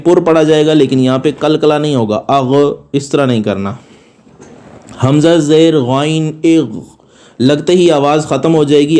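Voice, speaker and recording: A man teaching Quran recitation rules, patiently explaining and slowly reciting model Arabic sounds and words. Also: fairly high pitch, warm tone. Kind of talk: slow recorded tajweed lesson.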